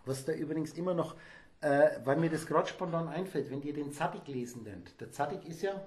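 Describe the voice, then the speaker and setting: A man's voice: fairly high pitch, a little fast. A man giving a spontaneous, rambling lecture to a small audience, emphatic and digressive. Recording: echoey room.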